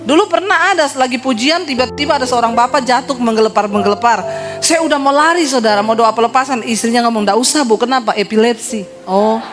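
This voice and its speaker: A woman pastor delivers a sermon in a chatty, humorous way, slipping into the voices of people from her stories. Her voice sits high. Instrumental music plays clearly beneath her words. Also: quick pace. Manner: humorous, conversational, acts out dialogue. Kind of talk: sermon with storytelling.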